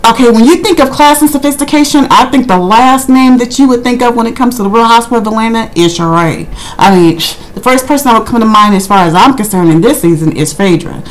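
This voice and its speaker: A woman's voice: medium pitch, low-quality recording. A woman giving a casual, rambling review in a conversational way, slipping into acted-out quotes as she chats to her viewers. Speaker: reality TV recap vlogger. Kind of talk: casual chatty review commentary.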